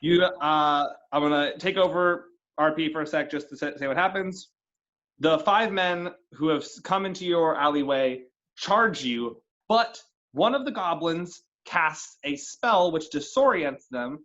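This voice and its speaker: A man's voice: a little high, lively intonation, unhurried, a bit bright, muffled recording. A man narrating as dungeon master in a casual, rambling way, often restarting his phrases. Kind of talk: narrating a tabletop game.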